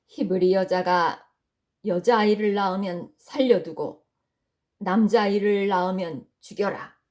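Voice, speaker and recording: A woman's voice: medium pitch, fairly even intonation, unhurried, a little mellow, natural voice. A woman as a stern, threatening pharaoh. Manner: stern, emphatic commands. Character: cruel, threatening male pharaoh. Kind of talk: acted children's Bible storytelling.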